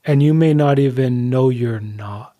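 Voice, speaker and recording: A man co-hosting a podcast, talking in an earnest, slow and deliberate way. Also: mid-range voice, dark tone. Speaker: podcast co-host. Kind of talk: reflective podcast talk.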